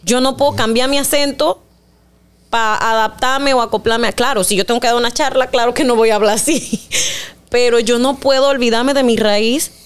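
Woman guest, Las Tablas accent, crisp clear voice, bubbly and fast-talking. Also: fairly high pitch. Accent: Panamanian, Las Tablas. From Panama, Los Santos. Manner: lively, talkative, fast-paced. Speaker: musician guest, duo singer. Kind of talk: casual interview chat.

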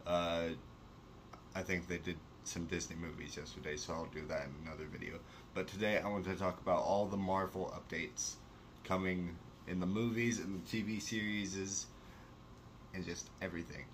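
A man's voice: low-pitched, fairly even intonation, moderate pace, a little hiss or hum. A young man in a casual sit-down news chat from his bedroom, enthusiastic and full of fillers. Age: young adult. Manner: chatty, enthusiastic, many fillers. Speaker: vlogger. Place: small bedroom, indoors. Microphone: camera close to face.

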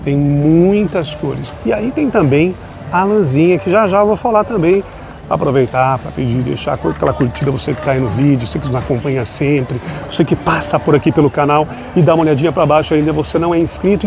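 A man's voice: a little high, a little mellow, a little hiss or hum. Chatty man vlogging a street market. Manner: upbeat, chatty, keeps addressing viewers as "gente". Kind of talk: walking market vlog with vendor chat. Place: outdoor night street market, busy city street. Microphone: handheld phone camera.

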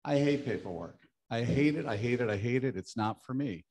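A man's voice: medium pitch, a little fast, darkish tone, a little hiss or hum. A man presenting a new program at an office team meeting, candid and matter-of-fact as he explains it.

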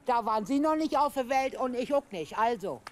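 A woman's voice: on the high side, animated, fairly quick. A woman passerby speaking bluntly and arguing her case in an outdoor street interview. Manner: blunt, argumentative.

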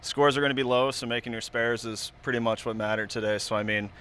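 Male champion bowler, modest and easygoing; low, flat, bright voice with faint noise behind. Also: fast, clear, resonant tone. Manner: modest, easygoing, many "I mean"s. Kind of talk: casual post-match interview.

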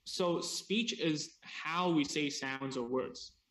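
Male speech therapist, slightly high voice, seminar delivered in short chunks over a video call. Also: very slow, fairly bright tone. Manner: explains in short chunks, casual asides. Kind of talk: seminar talk paused for interpretation.

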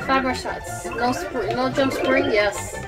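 A woman streamer giving excitable, giggly live commentary on a game, mixing English and Spanish. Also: high voice, takes it slowly, over a noisy crowd. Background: loud game music.

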